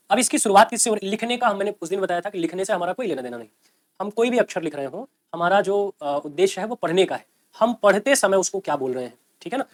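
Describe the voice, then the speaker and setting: High-voiced man teaching a grammar class. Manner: explains by repeating and checking with "ठीक है ना?".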